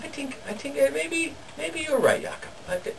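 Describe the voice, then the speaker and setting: A man storyteller voicing a gentle, clever farm wife who coaxes softly. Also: very high voice, sing-song, normal speed, gravelly, voice pushed up, exaggerated voice. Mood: coaxing. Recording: distant mic, faint room noise.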